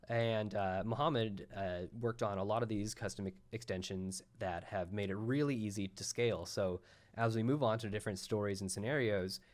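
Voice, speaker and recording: Low-voiced man presenting at a conference. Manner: explanatory, frequent uh fillers. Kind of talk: recorded conference talk.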